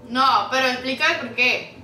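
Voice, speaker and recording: A young Mexican woman hosting a casual couple's vlog, talking loud, teasing and animated. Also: high voice, measured pace. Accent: Mexican Spanish. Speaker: vlogger hosting a couple's mukbang. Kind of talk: casual chat. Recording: roomy echo, faint music behind.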